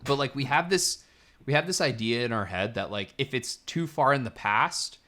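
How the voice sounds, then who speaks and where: A man's voice: mid-range voice, animated, moderate pace, bright, forceful tone. A man co-hosting a podcast, reading out episode summaries and rambling through his points with many restarts. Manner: rambling, self-correcting, reads summaries aloud. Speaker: podcast co-host. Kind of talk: casual chat, recapping episodes.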